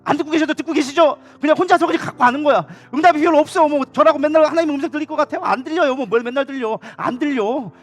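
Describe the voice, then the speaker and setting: A man with a high voice preaching quickly and passionately, talking to his congregation in a conversational way. The sermon is delivered in a church sanctuary during an evening service, with faint instrumental music behind him. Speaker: pastor.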